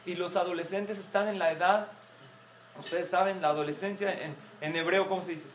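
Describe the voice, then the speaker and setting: At a parenting class, a middle-aged woman addresses a group of mothers, explaining ideas and acting out example quotes. She speaks briskly at a fairly low pitch with fairly even intonation, over slight background noise.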